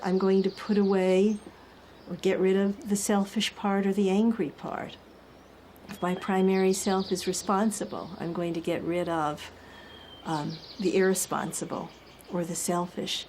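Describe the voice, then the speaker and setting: A woman explaining psychology in a calm, measured lecture. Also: mid-range voice, a little hiss or hum. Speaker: psychology teacher.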